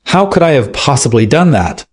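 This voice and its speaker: A man's voice: mid-range voice, very animated, moderate pace, husky, pitched above the performer's own voice. A hurt but defiant wife, put on by a male narrator. She speaks firmly and incredulously in an ordinary mid-range voice, kept near the storyteller's own tone.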